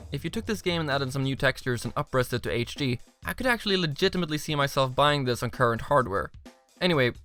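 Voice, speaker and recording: A man hosts a scripted video game review at a quick pace. His voice is bright and forward, with dry, sarcastic asides. Music plays lightly underneath. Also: medium pitch. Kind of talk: scripted comedic review narration.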